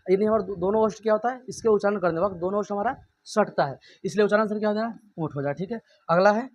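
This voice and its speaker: A man's voice: sits high, rapid-fire, highs cut off. A man teaching a grammar lesson. He keeps asking and answering his own questions and repeats every point.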